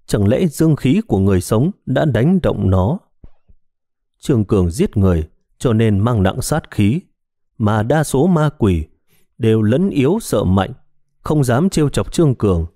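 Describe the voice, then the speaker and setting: A man narrating a horror detective story in a scripted, expressive storytelling manner on a close mic. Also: on the low side, unhurried, no room sound. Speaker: audiobook narrator.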